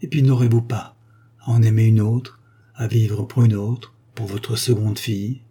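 A frail dying girl from a read-aloud novel, her voice faint and worn, sometimes sinking to a whisper, as a male narrator puts her on. The tone is low and dark, with a husky edge. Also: little pitch movement, moderate pace. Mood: serene. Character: dying young girl, frail, serene, devoted.

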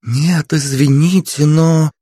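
A man voicing a young female receptionist who is flustered and evasive, in a high, fluttery voice. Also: fairly even intonation, takes it slowly, mellow, slightly rough, no echo, clean studio sound, full character voice.

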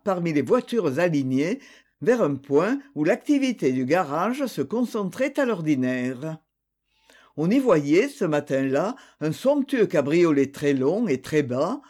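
A man narrates a novel aloud, audiobook style. His voice sits high and moves with wide, lively swings, giving the story an expressive telling.

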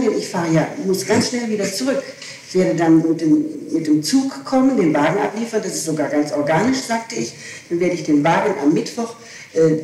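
A woman with a dark-toned, mid-range voice is being interrogated, recounting events in insistent detail and often correcting herself as she goes. This archival tape from an echoing room is very echoey and noisy.

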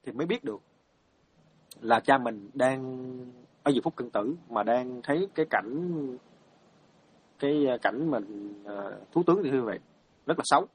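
Male monk, halting dharma storyteller, middle-pitched. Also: lively intonation, slightly rough. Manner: hesitant, many fillers and repeated words. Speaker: Buddhist monk.

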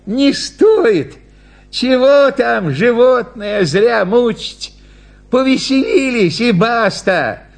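A man's voice: extremely high pitch, expressive, slow, creaky, voice pushed up, heavily acted. A man voicing a blunt, sensible male spectator who talks in a dismissive, matter-of-fact way, read from a storybook. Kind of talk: storybook reading.

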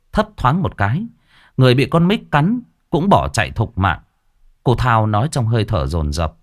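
A man narrating a ghost story audiobook in a dramatic storytelling manner. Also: mid-range voice. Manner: dramatic storytelling, voices the characters.

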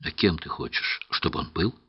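A man voicing a calm, knowing young woman who speaks softly and sadly in an audiobook. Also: a little fast, dull audio, natural voice. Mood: hushed, earnest. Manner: soft, hushed delivery.

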